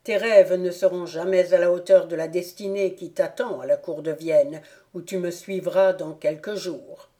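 A woman's voice: on the low side, steady tone, moderate pace, mellow, close to an everyday voice. A woman reading the lines of a stern aristocratic old count in an audiobook, solemn and commanding.

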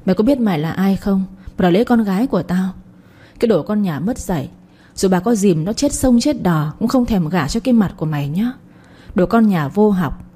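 A woman's voice: medium pitch, expressive, a little fast, mellow, slightly rough. A woman doing a shrewish old village mother. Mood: cursing. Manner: wailing, cursing, screeching abuse.

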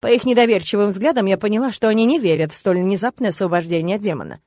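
A woman reading a first-person novel aloud in a lively, expressive way. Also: mid-range voice, racing, no echo. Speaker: audiobook narrator. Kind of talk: first-person audiobook narration.

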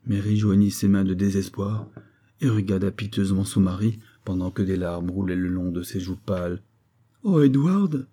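Male audiobook narrator, low voice, very dark timbre, measured. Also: completely flat delivery.

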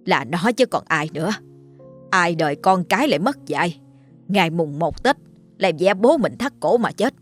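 A woman's voice: on the low side, lively intonation, normal speed, faint music behind. A woman voicing a scheming, mocking older first wife who scolds shrilly and wails theatrically. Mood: scolding.

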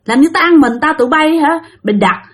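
A woman voicing a drunk, boastful old gravedigger man, taunting loudly. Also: sits high, lively intonation, a little fast, pitched above the performer's own voice. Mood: scornful boasting. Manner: loud mocking taunts.

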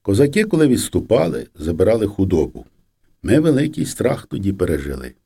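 A man narrating a memoir as an audiobook, in a steady, measured reading. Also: fairly low pitch, vocal fry, husky. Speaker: audiobook reader.

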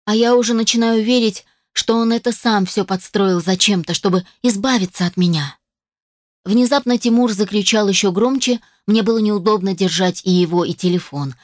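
A woman's voice: medium pitch, normal speed, no room sound. A woman reading a dramatic first-person story aloud, emotional and distressed, on a close microphone. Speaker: audiobook narrator.

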